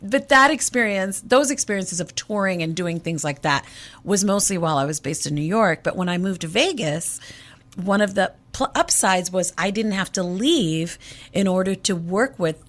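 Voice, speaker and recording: Her voice sits at medium pitch with a moderate pace. A jazz vocalist raised in Egypt, she spins lively stories on a relaxed radio show, acting out what people said and repeating words when getting started.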